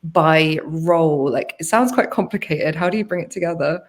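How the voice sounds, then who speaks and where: Low-voiced woman hosting an interview. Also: moderate pace. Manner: agreeable, informal, peppered with "like". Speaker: interviewer, host.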